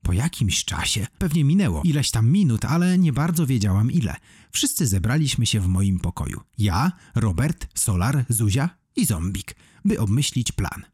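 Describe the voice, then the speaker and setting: A man reads a children's story with a lively, animated lilt. His voice is husky, and the recording is close and dry with no room at all. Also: medium pitch, normal speed, dry recording. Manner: expressive storytelling. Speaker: audiobook narrator. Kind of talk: children's audiobook reading.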